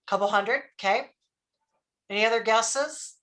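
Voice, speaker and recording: Bright-voiced woman coaching a workshop. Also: on the high side, a little slow. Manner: conversational, checks in with "right?" and "okay?"; quizzes the audience. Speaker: leadership coach. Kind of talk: live workshop presentation.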